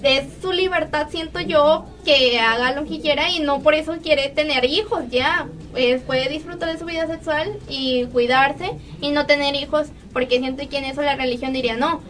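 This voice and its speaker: A woman's voice: sits high, moderate pace, hardly any pauses, a bit bright, distant mic. A young woman, chatting in a group discussion and telling a story with acted-out quoted voices.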